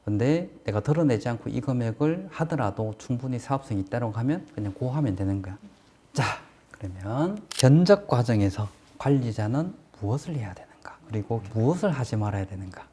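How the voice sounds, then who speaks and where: A man's voice: medium pitch, animated, brisk, dark tone, husky. A man giving a casual explanatory lecture on construction management, plain-spoken and asking rhetorical questions as he teaches.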